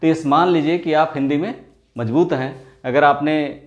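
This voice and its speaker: A man teaching an exam-prep lesson, repeating each word and firing off quick rhetorical questions in an informal, coaxing way. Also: a little high, steady tone, lo-fi sound. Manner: drills words by repetition, asks quick rhetorical questions.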